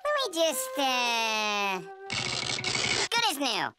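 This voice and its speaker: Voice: medium pitch, huge pitch swings, very slow, full character voice. An actor voicing a brash, wisecracking male cartoon woodpecker full of mischief. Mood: casual. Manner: wisecracking, cheeky. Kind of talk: cartoon voice acting. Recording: loud cartoon music behind.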